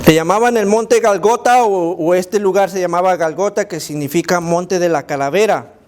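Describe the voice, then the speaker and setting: A man who is a children's pastor, telling a Bible story to kids in an animated, emphatic way and slipping English words into his Spanish. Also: high-pitched, normal speed, slight background noise. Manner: animated and emphatic, inviting listeners to imagine.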